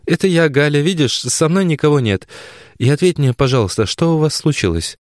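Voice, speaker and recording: Frantic young mother in an audiobook, high and strained, pleading, barely holding back a scream, as the male narrator puts her on. Dry and close. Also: lively intonation, a little fast, no echo, lightly acted. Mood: desperate. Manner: pleading, strained, on the edge of shouting. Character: frantic young woman searching for her son. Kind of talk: audiobook character voice.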